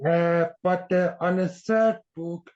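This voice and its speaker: Halting man from Iran, muffled sound. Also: high voice, steady tone, darkish tone. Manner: halting, searching for words, many fillers. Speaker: author guest. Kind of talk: podcast interview. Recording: dull lo-fi sound.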